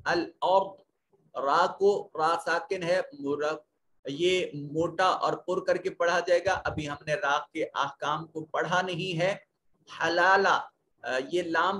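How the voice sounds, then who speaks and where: A man's voice: on the high side, a bit bright, a little hiss or hum. A man teaching Quran recitation rules, explaining each letter and rule step by step in a methodical way. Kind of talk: tajweed lesson explaining rules.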